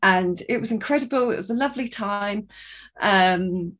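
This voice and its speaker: A woman's voice: medium pitch, moderate pace, a bit bright. A woman telling a personal faith story in a casual, chatty way, often restarting sentences and acting out what people said. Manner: chatty, restarts sentences, acts out quoted voices. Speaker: guest sharing a testimony.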